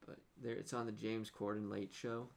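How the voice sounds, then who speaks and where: A man's voice: on the low side, flat delivery, moderate pace, gravelly. A young man co-hosting a podcast, telling stories in a rambling, jokey way. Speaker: podcast co-host. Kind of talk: casual chat.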